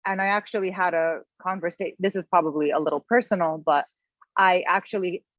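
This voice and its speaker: A woman's voice: on the low side, fairly even intonation, a little fast, no room sound. A woman in her thirties, a guest author, talking in an earnest, emotional and personal way in a casual interview. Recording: dull, slightly lo-fi, dry sound.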